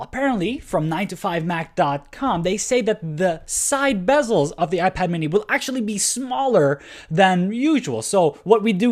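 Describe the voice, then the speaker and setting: A tech podcast host with a mid-range voice delivers casual solo news commentary. They ramble, correct themselves, use plenty of fillers, and stay laid-back, chuckling at their own tangents.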